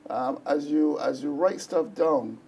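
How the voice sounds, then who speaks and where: Gravelly-voiced reverend, mellow and warm. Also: male voice, a little high, a little slow. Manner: conversational, searching for words. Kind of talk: church television talk on journaling.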